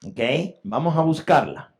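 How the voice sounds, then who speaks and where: A man preaching a sermon as pastor, swelling with emphasis and rising loud on key points. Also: fairly high pitch, expressive, a little slow.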